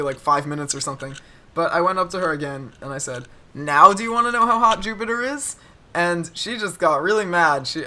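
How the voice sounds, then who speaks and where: A young man with a bright, ringing voice recounts a childhood story in a relaxed, chatty vlog. He pitches a little higher than most men and pokes gentle fun at himself as he talks. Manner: chatty, self-deprecating, relaxed. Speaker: cubing YouTuber. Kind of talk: casual storytelling to camera.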